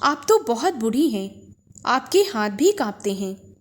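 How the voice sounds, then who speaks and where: A woman's voice: on the high side, big pitch swings, a little slow. A woman voicing a timid young princess. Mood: surprised. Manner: nervous, questioning.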